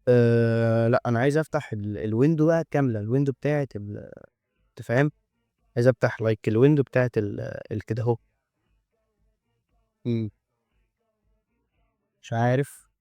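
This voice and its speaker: An Egyptian man narrates a hands-on coding demo in a relaxed, chatty way. He thinks out loud and slips in joking remarks, with a mid-range voice. The sound is dry and close, with no room echo. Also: medium pitch, fairly quick, pauses often, muffled recording. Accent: Egyptian Arabic. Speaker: tech YouTuber. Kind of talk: casual screen-recorded coding demo.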